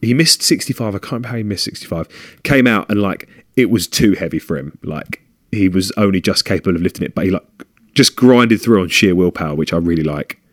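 In clean studio sound with a dry recording, a low-voiced British man speaks fast and animated as a podcast co-host. Chatting casually from a home room, he rambles and fills gaps with hummed fillers.

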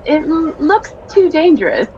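Very high-pitched frightened woman. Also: big pitch swings, unhurried, a little mellow, muffled recording, heavily acted. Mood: fearful. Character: timid, frightened, trusting woman victim. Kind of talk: old radio thriller acting. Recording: noisy vintage radio recording.

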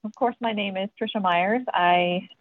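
Over a dry, tinny phone-style line with no room sound, a Tennessee woman who sings in a metal band rambles through her interview answers. Her medium-pitched voice holds a steady tone at a moderate pace, full of ums, asides, and occasional cursing.

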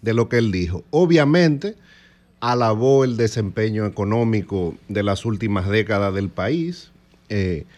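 A man with a Dominican Spanish accent, giving measured economic commentary on a morning radio panel, often pausing on fillers. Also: fairly low pitch, darkish tone. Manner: measured, hesitant with frequent fillers.

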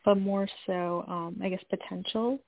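Husky hesitant woman over the phone. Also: mid-range voice, fairly even intonation, measured pace, no room sound. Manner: hesitant and soft-spoken. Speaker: caller. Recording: dry tinny phone line.

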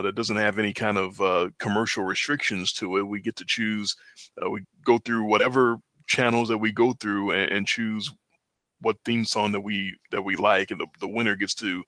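A man's voice: on the low side, pushed and bright, dry recording. A man co-hosting a sports podcast, telling rambling self-deprecating stories in a casual chat. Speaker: podcast co-host.

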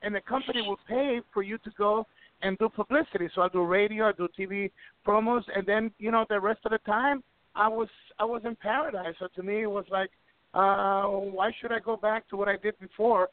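A man's voice: sits high, steady tone, brisk, dry recording. A middle-aged man from Ecuador telling wrestling stories in a casual radio interview, rambling with many restarts. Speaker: wrestling promoter and guest. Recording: tinny phone line.

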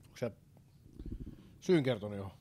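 A man in casual podcast talk, blunt and dry, telling a crude workplace joke with many hesitant pauses. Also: on the low side, lively intonation, dark tone. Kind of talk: casual chat.

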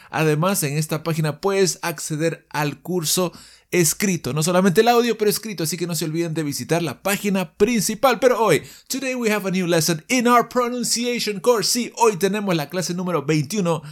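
A man teaching a podcast English lesson, lively and switching between Spanish and English, explaining patiently with examples. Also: high voice, normal speed.

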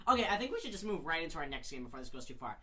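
A woman hosting a casual vlog game with friends, giggly and animated, swearing casually. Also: low-pitched, racing. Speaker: vlog host. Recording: noisy home recording.

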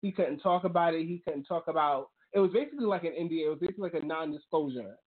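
Male co-host, high voice, loose and filler-heavy, heard over a phone-like line. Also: rapid-fire. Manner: chatty, many fillers like "um" and "like". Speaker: podcast co-host. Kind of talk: casual talk-show commentary. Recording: tinny phone-like call audio.

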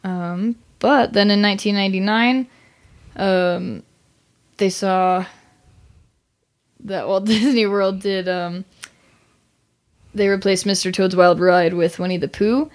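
A woman's voice: mid-range voice, fairly even intonation, slow, pauses often. A woman chatting informally and giggly as a podcast co-host. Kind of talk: casual chat.

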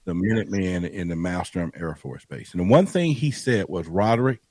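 A man's voice: low voice, expressive, brisk, darkish tone, no echo. A man in his fifties talking at length as a guest in a casual podcast chat, rambling and self-deprecating. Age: 50s.

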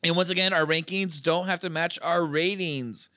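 A man's voice: a little high, fairly even intonation, heavy background noise. A man co-hosting a podcast, chatting and joking about movies. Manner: joking, laughing, quick comebacks. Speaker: podcast co-host. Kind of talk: casual movie talk.

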